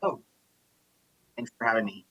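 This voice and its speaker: A man presenting to a committee over a video call, his audio choppy and cutting in and out, speaking haltingly with many fillers. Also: mid-range voice, lively intonation, fairly bright tone, slightly rough, no echo, muffled recording. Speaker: youth outreach worker presenting to a committee.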